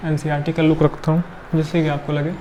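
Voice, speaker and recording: A man's voice: a little high, monotone, quick pace, mellow, a little hiss or hum. A male chemistry teacher, tired, lecturing a class and counting carbons aloud with frequent checks like "right?".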